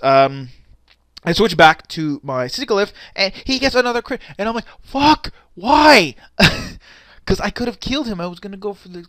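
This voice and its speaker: A man's voice: a little high, a bit bright, no echo. A young man giving casual, rambling commentary on a game replay, frustrated and swearing often, into a close desk mic. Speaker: gaming commentator.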